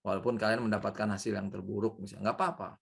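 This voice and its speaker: A man's voice: on the low side, steady tone, very fast, creaky, husky. Chatty man giving a leadership lecture. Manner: chatty, poses rhetorical questions to the audience. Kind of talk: informal classroom lecture with anecdotes.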